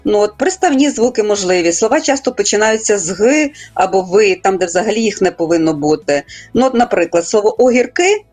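A woman speaking at an ordinary pitch, measured and lecturing, giving a radio interview. Faint music sits softly behind her voice. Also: lively intonation. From Volyn, Ukraine. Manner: measured, lecturing, quotes dialect words carefully. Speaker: guest linguist.

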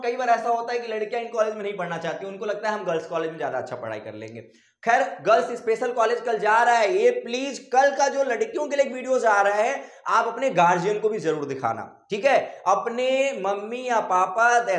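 A male coaching teacher giving assertive, confident admissions advice straight to his students. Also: high-pitched. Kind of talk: direct-to-camera advice video. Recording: echoey room.

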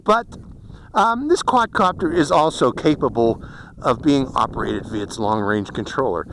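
Recorded on a body-worn hat camera in a windy desert canyon, the noisy action-camera audio captures a middle-aged man with a Pittsburgh accent. His voice is mid-range with lively intonation and a moderate pace. As a drone reviewer and channel host, he delivers a chatty, casual, hands-on product review step by step.

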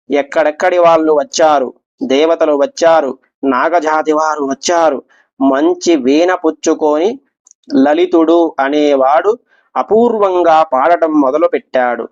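A male religious storyteller giving an expressive devotional discourse and speaking directly to his listeners, in a dull lo-fi recording. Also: on the high side.

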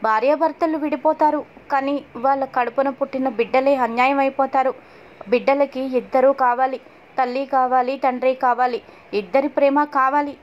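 A woman's voice: high-pitched, steady tone, moderate pace, natural voice. A woman voicing a worried, tearful middle-aged mother-in-law in a sorrowful lament. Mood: grieving. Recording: dull lo-fi audio.

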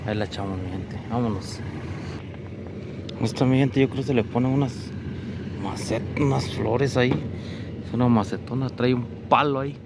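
Loud street noise surrounds this male vlogger as he rummages through curbside trash on a residential street, recorded by a chest-mounted action camera. He speaks at medium pitch and normal speed, leaving long pauses, chatting away and calling his audience "mi gente."

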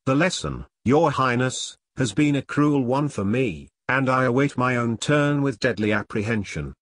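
A man's voice: medium pitch, lively intonation, moderate pace, a bit bright, dry recording. A man reading the lines of a fearful, remorseful physician in a subdued, anxious way.

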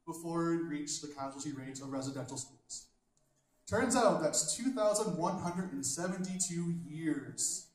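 On a small stage in a large wood-panelled hall, a young man with a handheld mic delivers blunt, dark jokes and chats with the crowd between them. His voice is on the high side. A distant camera picks him up, making the hall sound very echoey.

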